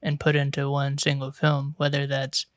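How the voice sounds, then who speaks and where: A man's voice: medium pitch, completely flat delivery, moderate pace, no echo, studio quality. A man hosting a podcast, easygoing and steering the conversation toward his guest. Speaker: podcast host. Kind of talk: casual podcast chat.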